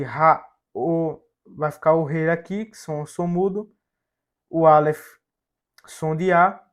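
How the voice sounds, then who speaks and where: A male Hebrew teacher with a fairly high voice gives a language lesson built around slides. He goes slowly and methodically, sounding out each syllable.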